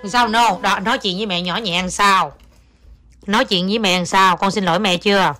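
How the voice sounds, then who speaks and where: A woman's voice: mid-range voice, steady tone, brisk, bright, forceful tone. A mother at home talking to her young child, alternating between teasing and scolding, mixing in English words. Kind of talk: casual home video with child.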